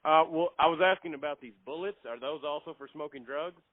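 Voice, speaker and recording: A man making a phone call, polite and halting, often repeating his words. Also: on the high side, dry recording. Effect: heard over a phone line. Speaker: prank caller. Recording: thin, dry phone line.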